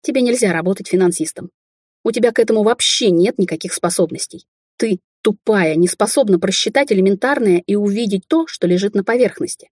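A woman's voice: mid-range voice, fairly quick, darkish tone, breathy edge, dry recording, studio quality, natural voice. A woman reading the lines of a hot-tempered young Chinese man, a rich heir, in an audiobook. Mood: angry.

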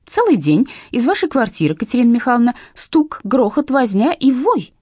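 A woman reading as a pompous, commanding general's widow, shouting down her neighbours in a lively, rising and falling voice. Her tone is dark and slightly husky, close and dry in the recording. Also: medium pitch, brisk, no room sound. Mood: indignant. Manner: indignant, scolding, loud. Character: bossy pompous middle-aged general's widow.

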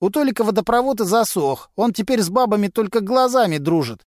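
A man's voice: sits high, animated, fairly quick, a little mellow, no echo, studio quality, voice pushed up. A man voicing a cocky, mocking male mechanic who talks in thieves' slang, in an audiobook. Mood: brash. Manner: mocking, brash, full of criminal slang.

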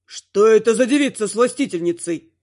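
A woman reading an audiobook, voicing an arrogant, menacing male henchman of a dark lord with a slow, drawling manner. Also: mid-range voice, lively intonation, voice pushed down, natural voice. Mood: haughty menacing.

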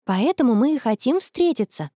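Woman doing a dreamy stubborn teen girl, storybook, mellow voice, lively pitch. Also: normal speed, no room sound, clean studio sound. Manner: soft, dreamy and touchy. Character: dreamy stubborn schoolgirl in love, teenage.

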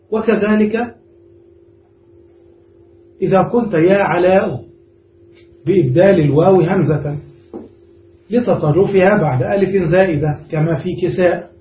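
A man giving a classroom grammar lesson, explaining step by step and often checking whether the class understood. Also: high-pitched. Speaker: grammar teacher. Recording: roomy, distant, dull lo-fi room recording with faint noise.

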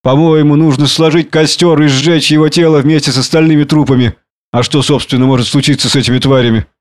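A man's voice: a little high, steady tone, quick pace, voice pushed up, lightly acted. A man reading an audiobook, voicing a weary castaway who speaks curtly and firmly.

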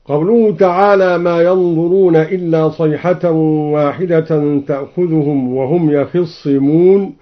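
Guy explaining quran readings real slow then chanting them, kinda high voice, muffled old radio sound. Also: steady tone. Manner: slow, measured explanation alternating with melodic recitation. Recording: dull old radio broadcast.

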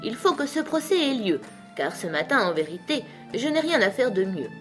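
A woman's voice: a little high, sing-song, moderate pace, a bit bright, faint music behind, pitched above the performer's own voice. A woman reading the part of a sly, domineering male dog in a storybook. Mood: bullying. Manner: blustering, domineering.

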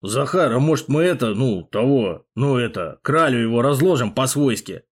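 A man voicing a coarse, dim-witted male police thug who talks crudely and haltingly in an audiobook. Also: medium pitch, animated, slightly rough. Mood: leering. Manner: crude, hesitant, loud.

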